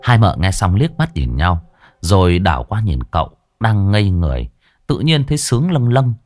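Lively male storyteller. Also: low-pitched, normal speed, no echo, clean studio sound, faint music behind. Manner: lively, colloquial, earthy. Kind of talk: comic storytelling.

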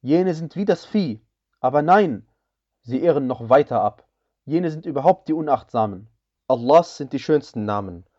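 A man reading a scripture translation aloud in a measured, solemn way, each phrase evenly paced. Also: mid-range voice, animated, warm tone, muffled recording.

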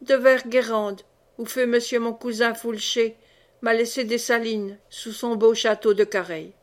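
A woman's voice: fairly high pitch, fairly even intonation, measured pace, lightly acted. A woman reading the part of a blunt, matter-of-fact man-at-arms.

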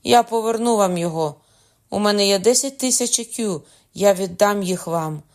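A woman's voice: low-pitched, a little fast, a little mellow. A woman voicing a desperate old father. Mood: pleading. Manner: begging, wailing. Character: old father, desperate, pleading for his son.

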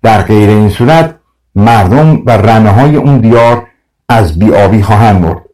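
Earnest young hero, read by a man, storybook, brave, mellow tone, slightly distant mic. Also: on the low side, animated, lightly acted.

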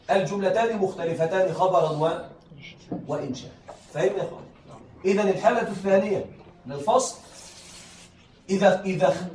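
A male teacher with a fairly high, slightly mellow voice explains a grammar point in a class on Arabic rhetoric, often repeating himself and checking that students are keeping up. The room is echoey, he sounds distant, and there's faint background noise.

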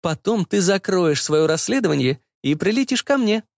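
High, insistent, fussy mother voiced by a male narrator; bossy and doting, big swooping pitch, dry close sound. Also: expressive, normal speed, vocal fry, dry recording. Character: bossy, doting, meddling middle-aged mother.

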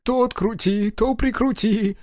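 A man's voice: extremely high pitch, big pitch swings, takes it slowly, a little mellow, dry recording, voice pushed up, heavily acted. A man voicing a clumsy, cheeky young male mechanic who whines and squeals back. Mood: whiny. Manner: whiny, squealing retorts.

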